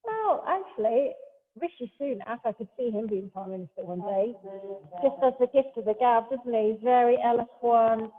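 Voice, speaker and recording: A woman leading a Pilates class, giving calm step-by-step cues mixed with chatty asides. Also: on the high side, normal speed. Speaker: Pilates instructor. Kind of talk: guiding an exercise class. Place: large hall, class streamed over a video call. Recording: echoey hall over a thin phone-like line.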